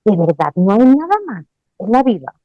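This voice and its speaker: A woman's voice: mid-range voice, sing-song, normal speed, no echo, highs cut off. A woman from Spain, a dance mantra teacher speaking reflectively as an interview guest, laughing easily. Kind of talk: interview conversation.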